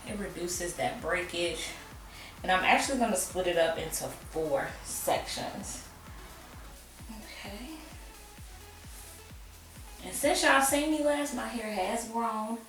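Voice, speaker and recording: A woman's voice: mid-range voice, animated, fairly bright tone, recorded from a distance. A pregnant woman chatting casually through a home hair tutorial, a little out of breath and poking fun at herself. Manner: chatty, self-mocking, drawn-out phrases. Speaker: hair vlogger. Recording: echoey room, voice off-mic, faint music.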